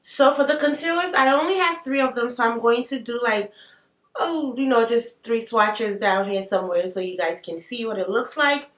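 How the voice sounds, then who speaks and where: A woman with an African accent and a slightly high, fairly bright voice talks at a moderate pace. She's a beauty vlogger chatting casually through a makeup tutorial with playful asides, captured with roomy sound from a distant mic.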